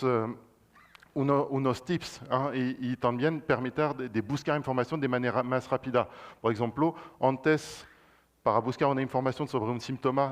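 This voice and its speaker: A cloud solutions architect gives a university presentation and Q&A as a guest speaker. He speaks haltingly in a medium-pitched voice, restarting often and slipping into French and English words.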